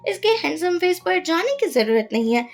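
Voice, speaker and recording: A woman's voice: extremely high pitch, big pitch swings, normal speed, exaggerated voice. A woman voicing an anxious young woman who speaks in a worried, warning way.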